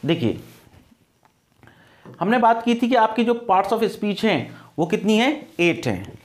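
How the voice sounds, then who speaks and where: A man's voice: high voice, very animated, slow. A man teaching English grammar for exam prep, mixing Hindi and English, with an Indian accent. He asks his class questions and answers them himself, and he drills pronunciation.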